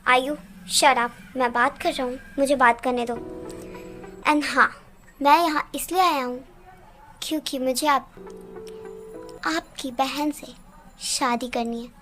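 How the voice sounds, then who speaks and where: A woman's voice: high-pitched, fairly even intonation, slow pace, pauses often, a bit bright, faint music behind, pitched below the performer's own voice. A woman voicing a bold, stubborn young man in an amateur Hindi fan dub, speaking firmly and defiantly. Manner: firm, defiant.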